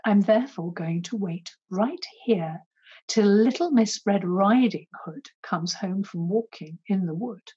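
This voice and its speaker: A woman voicing a greedy, sly male wolf in a comic storybook poem, with a husky voice. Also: mid-range voice, measured pace, dark tone, muffled recording.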